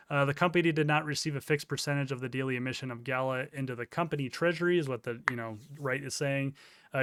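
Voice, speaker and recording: A man's voice: medium pitch, fairly bright tone, clear, resonant tone, no echo, clean studio sound. A man giving casual commentary while reading court documents aloud, with sarcastic, incredulous asides. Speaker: crypto news commentator.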